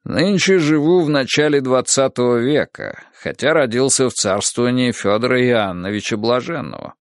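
A man voicing a stout, old-fashioned middle-aged male professor in an audiobook, speaking slowly and formally. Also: medium pitch, dry recording, studio quality, natural voice.

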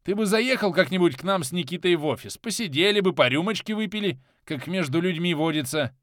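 Guy voicing a pushy middle-aged boss, higher and louder than the narrator, crisp dry audiobook sound. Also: animated, fairly quick, dry recording. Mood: hearty. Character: gruff male boss, middle-aged, demanding but friendly.

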